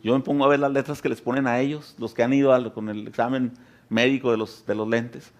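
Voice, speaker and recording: A man preaching a sermon as a pastor. He often addresses the congregation as brothers and sisters, and at times his voice rises to loud, impassioned preaching. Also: mid-range voice, level tone, brisk. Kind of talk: Spanish sermon.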